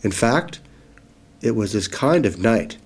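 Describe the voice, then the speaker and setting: Man playing a storytelling father for a read-aloud; slow, dramatic and lively in pitch. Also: husky, exaggerated voice. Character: friendly father telling a spooky campfire tale.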